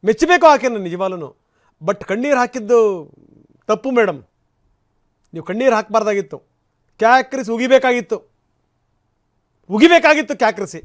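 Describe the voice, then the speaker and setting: A man's voice: very high-pitched, lively intonation, moderate pace, long pauses, soft background music. A man giving impassioned, indignant news commentary as an anchor, full of rhetorical questions and emphatic repetition.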